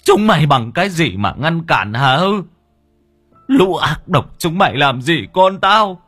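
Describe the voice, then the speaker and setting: A man's voice: on the high side, sing-song, a little slow, slightly rough, dry recording, faint music behind, pitched above the performer's own voice, full character voice. A wailing, desperate old father. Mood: raging. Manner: wailing, sobbing, shouting in anguish. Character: grieving old village father, drunk and desperate.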